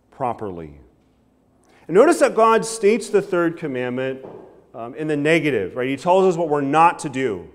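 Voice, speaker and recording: A pastor in his thirties preaches at a wooden pulpit in a church sanctuary, with a slightly high voice. His pitch swings widely as he gestures and drops to low endings on key phrases, often checking in with "right?". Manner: animated preaching with frequent "right?" asides and hand gestures. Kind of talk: sermon.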